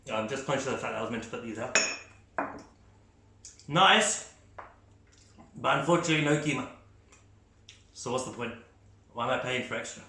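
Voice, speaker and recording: A man's voice: mid-range voice, brisk, pauses often, bright, forceful tone, a little hiss or hum. A man hosting a food tasting, chatting enthusiastically as he eats and rates each bite. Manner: enthusiastic, talks while chewing. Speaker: food reviewer host. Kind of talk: casual food tasting commentary. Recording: echoey room.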